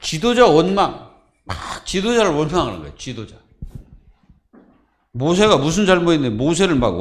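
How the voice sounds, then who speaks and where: A man preaching a Friday sermon as pastor, asking the congregation questions and answering them himself. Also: a little high.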